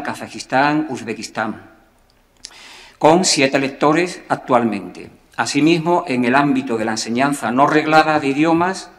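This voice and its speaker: A man giving a formal conference closing speech as a university language policy director, measured and hesitant at times with self-corrections. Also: mid-range voice, in a large hall. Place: conference hall.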